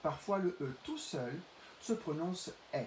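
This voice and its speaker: A middle-aged male teacher giving a reading lesson to young pupils, speaking slowly and carefully and stretching out the example words. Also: a little high, animated, darkish tone. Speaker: primary school teacher. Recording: roomy, distant mic, faint hiss.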